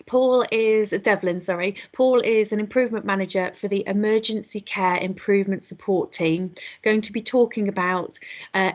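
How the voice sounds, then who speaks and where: A woman with a mid-range, slightly croaky voice hosts an online webinar, welcoming attendees and handling housekeeping in a chatty way. She uses lots of ums and corrects herself quickly.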